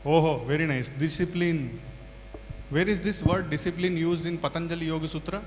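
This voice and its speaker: A man with a South Indian accent teaches a big class in a large hall, speaking fairly fast with a slightly high, fairly even voice. He repeats answers and prompts students with short questions in this interactive lecture. The hall sounds echoey and reverberant, with a faint hum.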